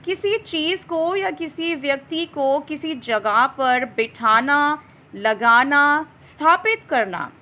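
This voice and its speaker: A woman teaching English vocabulary to her viewers. Her voice is high and bright, and she talks slowly and patiently, explaining each word step by step. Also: lively intonation. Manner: slow, explanatory, addresses viewers as friends. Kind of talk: vocabulary lesson.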